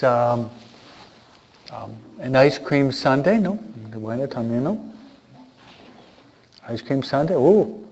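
Priest, man; slow, questioning catechism talk to kids, acts out small dialogues; muffled recording. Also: mid-range voice, a little mellow. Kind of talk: catechism talk to children and parents. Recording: dull lo-fi recording.

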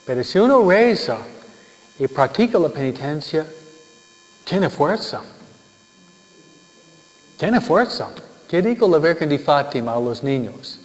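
With a very animated voice on the high side and a moderate pace, a preacher jokes through a funny sermon, constantly checking in with listeners via "¿no?". The lo-fi recording sounds dull, and the hall is reverberant.

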